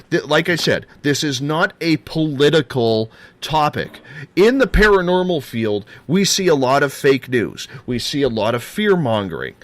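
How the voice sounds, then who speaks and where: A man hosting a late-night paranormal call-in show. He talks in a rambling, chatty way, and his pitch swings up and down as he moves from one thought to the next. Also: fairly bright tone. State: just over a throat and chest cold. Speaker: host. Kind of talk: radio talk show hosting.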